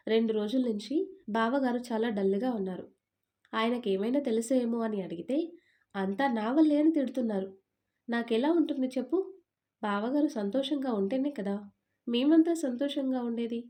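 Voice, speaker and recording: A woman's voice: a little high, normal speed, dark tone, natural voice. A woman voicing a sulky, talkative young newlywed wife in an audio story, complaining in a pouting tone.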